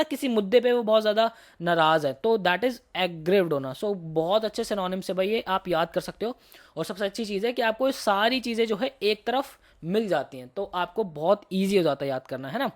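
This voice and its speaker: A woman teaches vocabulary with a slightly hoarse throat. She moves between Hindi and English, and keeps checking that the students follow her. Her English example sentences come out slow and deliberate. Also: on the high side. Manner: explains words in Hindi mixed with English, often asks "है ना" and calls students "bhai"; reads English example sentences slowly and carefully. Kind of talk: vocabulary lesson for entrance exams.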